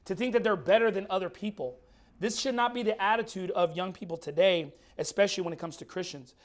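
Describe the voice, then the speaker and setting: Preaching fast in a high-pitched voice, this thirty-something pastor gives a fiery, blunt sermon in a church despite losing his voice. His manner is emphatic, and he repeats words.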